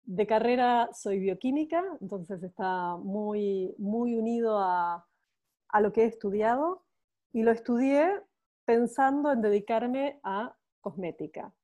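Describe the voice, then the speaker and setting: A woman's voice: fairly high pitch, a little slow, dark tone. A woman in her forties from Argentina, with a Buenos Aires accent, telling stories as a podcast guest, with hesitant repeats. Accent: Buenos Aires Spanish. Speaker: guest, cosmetics expert. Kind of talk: casual podcast interview.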